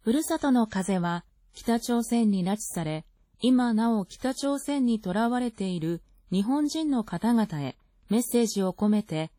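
A woman radio announcer presenting a program in a calm, formal, measured way. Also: a little high, no echo, studio quality. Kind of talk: scripted broadcast announcing.

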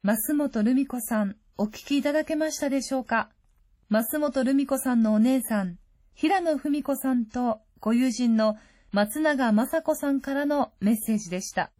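A woman announcer reads her scripted links with polite formality and a slightly raised pitch. Her voice sits close and dry, with no room sound around it, as in a radio studio. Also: moderate pace, a little mellow, no room sound.

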